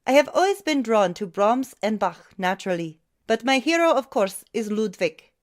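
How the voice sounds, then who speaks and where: A woman reading an audiobook, voicing a self-assured male conductor who grew up in Germany, in a measured way. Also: on the high side, big pitch swings. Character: composer and orchestra conductor, man.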